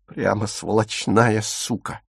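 Storybook figure: a man playing an earnest, worried woman, hushed and pleading, dry sound. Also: fairly low pitch, steady tone, slow pace, vocal fry, slightly rough, dry recording, full character voice. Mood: hurt. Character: earnest anxious woman, committed communist.

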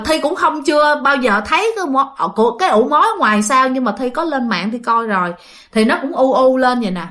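Speaking in a high-pitched, fairly bright voice, this Southern Vietnamese-accented woman spins a ghost story casually and dramatically. She chats along and frequently addresses her audience directly.

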